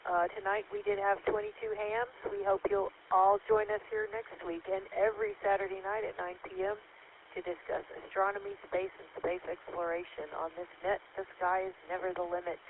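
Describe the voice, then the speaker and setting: A woman running an amateur radio net as net control, reading call signs and announcements in a steady way, heard through a radio link with static. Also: medium pitch, vocal fry. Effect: transmitted over a radio link with static. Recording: tinny radio transmission with faint static.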